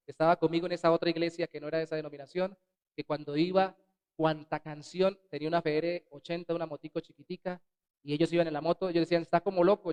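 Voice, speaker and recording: A man preaching a sermon as pastor in a church, swinging between loud bursts and soft, dropped words. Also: a little high, clear, resonant tone. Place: church sanctuary.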